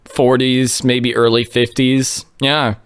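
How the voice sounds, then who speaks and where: A man telling a story in a laid-back, casual way, full of likes and you-knows, on a close mic in a small quiet room. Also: mid-range voice, level tone, slow pace, clean tone, dry recording.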